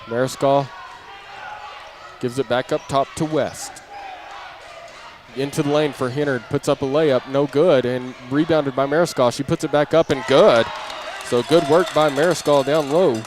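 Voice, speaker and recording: Unhurried and mid-pitched, a man provides live radio-style commentary on a basketball game from an indoor gym. His phrasing is clipped and continuous, rising on big plays, and the clearly noisy audio includes gym ambience and a bouncing ball.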